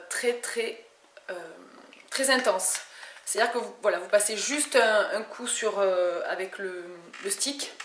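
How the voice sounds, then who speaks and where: A woman's voice: medium pitch, a bit bright. Chatty French woman in an echoey room. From France. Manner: chatty, many hesitations and restarts. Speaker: beauty vlogger. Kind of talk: casual haul video chat. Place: home room. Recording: echoey room with faint noise.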